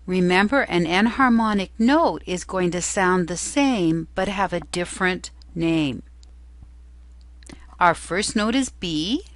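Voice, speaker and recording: A woman teaches a lesson in a slightly low voice at a slow pace. She is patient and careful, laying out each step in turn as an instructor. The sound is dry, with very little room in it. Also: fairly bright tone, no room sound. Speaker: music theory teacher.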